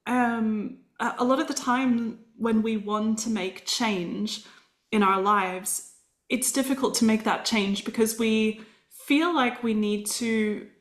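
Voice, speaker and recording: Her voice on the high side and her pace slow, this podcast host chats with a guest, asking reflective, curious questions and thinking out loud. The recording carries faint music and a roomy echo.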